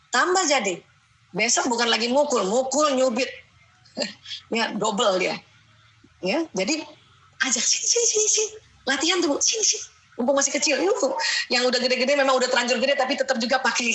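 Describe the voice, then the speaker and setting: A middle-aged woman gives a lively parenting seminar in a bright, clear voice set a little high. She slips into the voices of mothers scolding and coaxing their children to make her points. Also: rough recording. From Indonesia.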